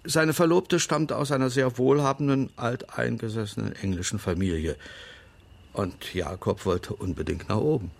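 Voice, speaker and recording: An older male actor portrays a frail, elderly lawyer in a radio drama, sounding guarded and sardonic. His delivery is measured, formal, and pointed, in a mid-range, creaky voice.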